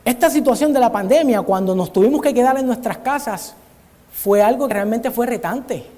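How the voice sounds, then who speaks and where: A man's voice: very high-pitched, normal speed, mellow. A man preaching a Bible study sermon in an earnest way, often calling his listeners brother, speaking in a church hall. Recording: long church-hall reverb.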